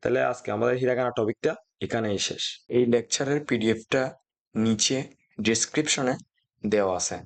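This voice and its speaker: A man teaching a language lesson, calmly drilling each syllable one at a time. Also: mid-range voice, normal speed, gravelly. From Bangladesh.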